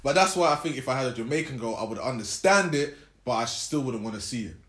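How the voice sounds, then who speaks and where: A man's voice: medium pitch, animated, fast, a bit bright. A young man with a London roadman accent, chatting casually with slang. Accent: London, Multicultural London English roadman. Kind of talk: casual chat in street slang. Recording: echoey room.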